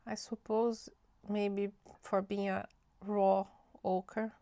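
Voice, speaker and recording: A young woman talks slowly through a relaxed painting tutorial, her voice nasal from a cold and edged with vocal fry. She thinks aloud in a chatty, easygoing way. The recording is close and dry. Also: medium pitch, no room sound. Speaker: art channel host. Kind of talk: casual watercolor swatching tutorial.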